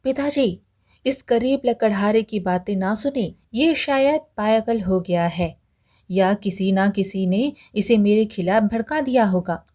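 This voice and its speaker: Scheming young impostor bride, sly and wheedling, put on by a woman storyteller, warm tone. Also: medium pitch, measured pace, close to an everyday voice. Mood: pleading. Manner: sly, pleading to her father.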